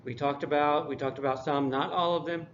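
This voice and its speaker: A man teaching English and reviewing a textbook unit in a relaxed way, with dry classroom humor. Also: on the high side, fairly quick. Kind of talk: recorded lesson review. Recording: dull lo-fi recording, faint noise.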